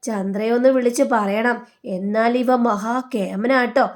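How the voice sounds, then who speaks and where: A nosy middle-aged woman who exclaims at what she sees, in a bright voice, as a woman reciting a serial's dialogue puts her on. It is plain reading rather than full acting. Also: on the high side, steady tone, a little slow, natural voice.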